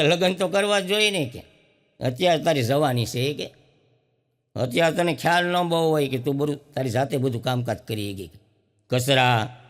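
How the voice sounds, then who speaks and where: High-voiced comedian spinning folksy yarns. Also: male voice, a bit bright, in a large hall. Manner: folksy storyteller who acts out each character in quoted dialogue. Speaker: stand-up comedian. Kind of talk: comic storytelling.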